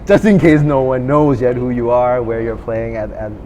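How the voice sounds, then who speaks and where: A man's voice: mid-range voice, fairly even intonation, dark tone. Casual podcast host guy, easy questions, a bit of background noise. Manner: friendly, loose, halting questions. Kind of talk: casual interview while shooting around. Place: indoor basketball court.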